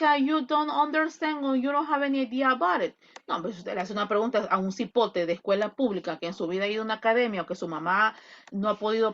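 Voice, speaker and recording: A Salvadoran woman teaching an online class, talking bluntly with animated asides. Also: a little high, lo-fi sound. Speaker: English teacher.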